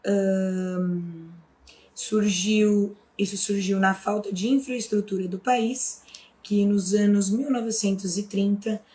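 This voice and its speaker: A woman's voice: mid-range voice, darkish tone. A Brazilian woman with a Brazilian Portuguese accent teaching in a chatty, casual way, often adding little tag questions and fillers. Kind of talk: casual explanatory lesson. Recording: echoey room.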